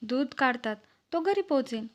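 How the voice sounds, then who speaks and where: A woman's voice: high-pitched, animated, moderate pace. A woman reading aloud the lines of a stubborn, fearless man who brushes off warnings. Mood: dismissive. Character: stubborn fearless man, traditional head of household. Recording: slightly dull, lo-fi recording.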